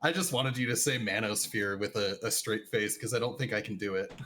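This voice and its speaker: A man's voice: fairly low pitch, a little fast, fairly bright tone, a little hiss or hum. A man co-hosting a game stream, chatting in a playful, teasing way. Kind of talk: casual gaming stream chat.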